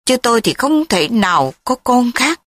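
Brief: a woman doing an old scheming uncle in a storybook reading, low-key, menacing, dry sound. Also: sing-song, normal speed, a bit bright, dry recording. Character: older man, scheming threatening uncle.

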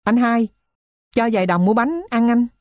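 A woman's voice: on the high side, normal speed, darkish tone, no echo, clean studio sound, voice pushed up, lightly acted. A woman voicing a bold, scrappy boy who talks back hotly. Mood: pleading. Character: bold scrappy street boy, defiant and cheeky.

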